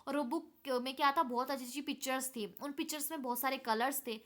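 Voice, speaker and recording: A young woman teacher explaining an English story in Hindi, reading each English line slowly and then explaining it. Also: high-pitched, fairly bright tone.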